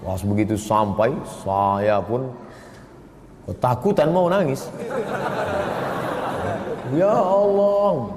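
A man's voice: fairly low pitch, slow pace, a crowd in the background, background noise. Man preaching in an echoing hall. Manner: lively storytelling with chanted Arabic phrases. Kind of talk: sermon. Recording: echoey hall with faint ambience.

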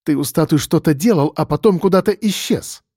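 A man's voice: on the high side, brisk, mellow, husky, dry recording, clean studio sound, pitched above the performer's own voice. A man reading an audiobook, voicing a young woman who shrieks her accusations in hatred. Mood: shrill. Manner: screeching, accusing.

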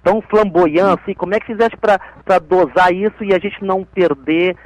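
Radio interviewer, man with a gaúcho accent, fairly high voice, dry close sound, halting delivery. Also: steady tone, no room sound, poor audio. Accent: gaúcho Brazilian Portuguese. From Piauí, Brazil. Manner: hesitant, full of restarts and fillers.

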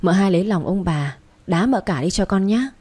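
A woman's voice: lowish voice, lively intonation, moderate pace, darkish tone, husky. A woman doing a cheeky young servant girl. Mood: pleading. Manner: stammering, whiny, gossipy.

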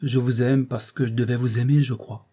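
A man playing a calm, commanding young man declaring his love in earnest, authoritative tones. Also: mid-range voice, fairly quick, lightly acted.

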